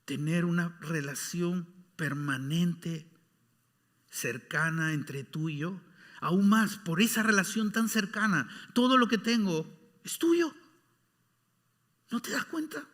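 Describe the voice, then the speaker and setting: A man preaching voices a loving father gently reasoning with his older son in an earnest, coaxing way. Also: sits high, sing-song, unhurried, in a large hall, pitched above the performer's own voice, exaggerated voice. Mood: gentle, coaxing.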